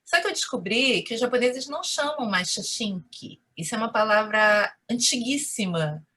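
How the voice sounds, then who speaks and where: Woman, Carioca accent, bright voice, interview guest, animated conversational storyteller. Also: fairly high pitch, moderate pace, husky. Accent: Rio de Janeiro Portuguese. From Brazil.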